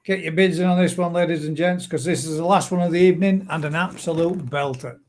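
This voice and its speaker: A man's voice: a little high, fairly even intonation, quick pace, darkish tone. A man joining a live koi auction stream from his mobile, calling the lots with enthusiasm. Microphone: mobile phone.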